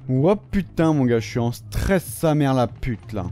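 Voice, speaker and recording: A man giving excitable, slang-heavy commentary over his own gameplay, swearing often. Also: medium pitch, a little slow, faint music behind. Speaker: gaming video creator.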